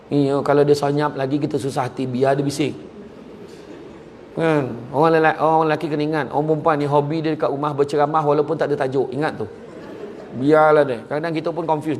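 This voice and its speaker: A man's voice: fairly high pitch, a little hiss or hum. A man giving a comic motivational talk to an audience in a large hall, joking and acting out characters. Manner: joking, animated, acts out characters. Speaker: motivational speaker.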